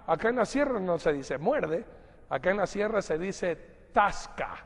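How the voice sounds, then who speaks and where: A man's voice: high voice, expressive, moderate pace, in a large hall. A man from preaching a sermon, emphatic and repetitive, often calling his listeners brothers. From Guayaquil, Ecuador. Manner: emphatic, repeats words, addresses listeners as brothers.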